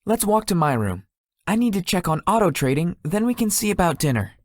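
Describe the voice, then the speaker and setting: Here a woman voices a shy, polite young male tech executive in visual novel dialogue, sounding slightly formal, hesitant, earnest and mild. Her lowish, sing-song delivery runs a little fast, recorded in studio quality with no echo.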